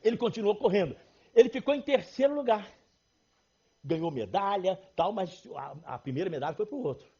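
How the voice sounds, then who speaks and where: Animated Brazilian preacher man, husky voice. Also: high voice, fairly quick, lo-fi sound. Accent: Brazilian Portuguese. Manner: animated preaching with acted-out dialogue and sudden loud exclamations. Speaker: pastor. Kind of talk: sermon. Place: church.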